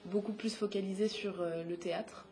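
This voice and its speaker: A woman in her twenties, a playwright and activist, answering interview questions haltingly with frequent filler sounds and restarts. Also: mid-range voice, fairly even intonation, background noise. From Congo (DRC), raised in France. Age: 20s. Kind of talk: hesitant spoken interview answers.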